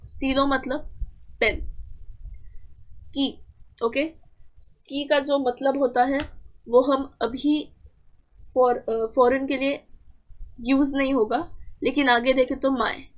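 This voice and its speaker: A woman teacher explaining French letters and step by step, repeating words and checking in with "okay". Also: sits high. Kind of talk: classroom lesson explaining French pronunciation.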